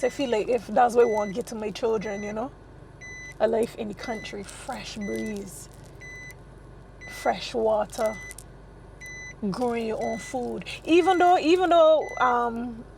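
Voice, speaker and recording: Vlogger, woman in her 30s, high and chatty, road noise behind. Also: gravelly, darkish tone, poor audio. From Barbados. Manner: chatty, laughing, joking. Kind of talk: casual vlog chat while driving. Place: car on a road.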